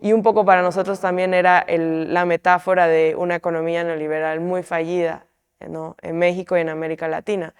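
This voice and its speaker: Woman artist talking through her work, lowish smooth voice, dry close sound. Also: level tone, fairly quick, no room sound. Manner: reflective, tags sentences with questioning asides. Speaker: artist in a collective. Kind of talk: explaining an artwork in an interview.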